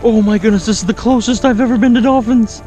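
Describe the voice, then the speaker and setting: A young man, born in Kansas and raised in Oklahoma, vlogs from a kayak on the open sea, filming himself with an action camera mounted on the boat. His mellow voice comes out fast with fairly even intonation as he gushes in breathless, awed exclamations that often climb high. Faint music plays behind his excited outdoor commentary.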